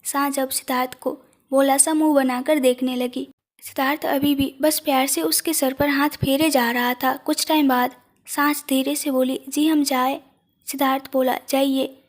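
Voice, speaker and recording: A woman narrating a romantic audio story in a soft, even storytelling voice. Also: sits high, moderate pace.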